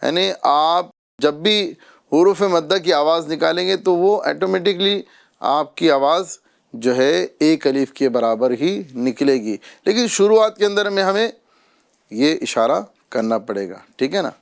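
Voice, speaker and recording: A recitation teacher with a Pakistani Urdu accent and a high, very clear voice. He stretches each word out slowly and repeats its syllables for the learner. Between drills he explains the rules in quick, brisk asides. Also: expressive. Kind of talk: step-by-step recitation lesson.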